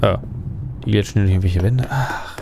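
A man's voice: lowish voice, moderate pace, creaky, noisy background. A man giving casual let's play commentary, thinking aloud and asking himself questions as he plays.

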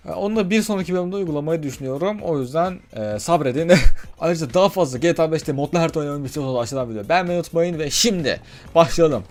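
A man giving let's play commentary as a gaming YouTuber, excitable, talking himself through the game and swinging between loud cheers and hushed muttering. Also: on the high side, racing.

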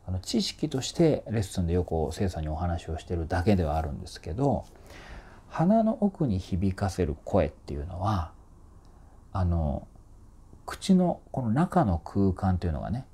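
A man's voice: low voice, wildly swooping pitch, normal speed, dark tone, slightly rough. A man working as a voice trainer, explaining singing technique in a chatty, informal way and demonstrating vowel sounds.

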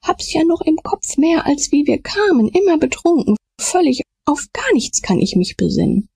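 A woman's voice: high voice, very animated, normal speed, vocal fry, darkish tone, dry recording, pitched above the performer's own voice, full character voice. A woman voicing a frightened drunken male vagabond who begs in a shaking voice. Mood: pleading. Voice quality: trembling.

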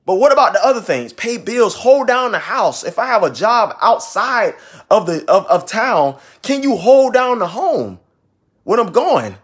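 Young male ministry vlogger, husky and animated, emphatic repeater. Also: high-pitched, unhurried. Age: 20s. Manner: emphatic, repeats phrases for stress. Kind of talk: preachy casual monologue.

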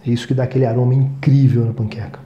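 Talking at a racing pace, a man in his thirties leads a casual cooking demonstration indoors in a small home-style studio kitchen. His medium-pitched voice has a dark tone and little pitch movement, and the audio sounds dull. As a friendly, chatty host, he often checks in with viewers, repeatedly asking "tá, gente?".

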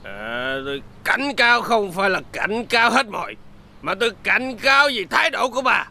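A man's voice: sits high, very animated, normal speed, creaky, bright, forceful tone, full character voice. An actor playing a stern husband who lectures his wife about her attitude in a TV fairy-tale drama.

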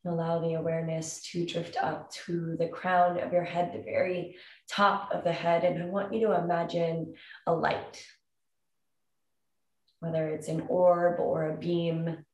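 A woman in her thirties leads a calm grounding meditation, giving soothing instructions with long pauses between phrases. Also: lowish voice. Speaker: meditation guide. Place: indoor room with wooden floor and plank wall. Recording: roomy echo, distant microphone.

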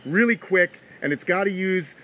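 Guy hosting a wildlife show live stream, excited, highish voice, talking to viewers outside. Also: moderate pace. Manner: enthusiastic wildlife show host, exclaiming and addressing viewers. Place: outdoors in a fenced animal yard. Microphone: phone at arm's length.

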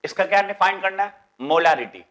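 A male chemistry teacher with a Bihari Hindi accent gives a classroom lecture. He keeps asking his students rhetorical questions and drags out the English terms slowly. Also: sits high, expressive, a bit bright. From India.

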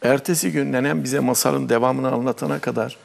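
A man, a talk show guest, telling a childhood fairy tale in an animated way and acting out quoted voices. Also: medium pitch, a little fast, vocal fry, long reverb tail. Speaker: guest storyteller.

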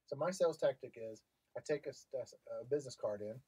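A man's voice: mid-range voice, quick pace, mellow, husky, dry recording, rough recording. A man talking as a guest in a casual chat, telling his story in an emphatic, repetitive way. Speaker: guest, sign business owner.

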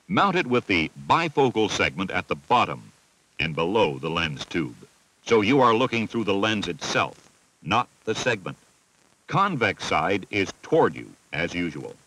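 An unhurried, deep-voiced American man voices scripted instructions for a training film, methodical and instructive, using a lively rise and fall to separate each step. The voice-over was captured in low quality.

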